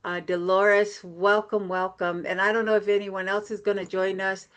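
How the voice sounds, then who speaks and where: A woman's voice: medium pitch, flat delivery, normal speed. A woman from American Samoa giving an upbeat, conversational motivational training over a video call, with many fillers and repeated phrases. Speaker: team leader giving a training.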